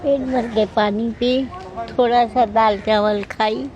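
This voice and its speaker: A woman's voice: a little high, steady tone, slow pace, muffled recording, noisy background. Plaintive woman in her seventies. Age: 70s. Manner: plaintive, resigned. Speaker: stranded elderly interviewee. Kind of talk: street interview. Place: outdoor railway station.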